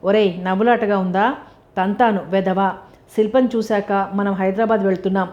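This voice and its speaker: A woman's voice: mid-range voice, steady tone, normal speed, a little mellow, lo-fi sound, natural voice. A woman voicing a brash, bossy young rich man who teases his friend. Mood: teasing.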